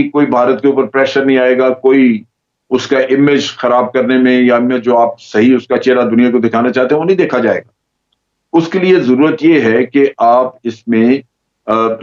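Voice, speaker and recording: A man with a Pakistani Urdu accent, a judge giving measured, explanatory answers as a guest on a TV current-affairs program. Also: medium pitch, darkish tone. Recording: slightly dull lo-fi audio.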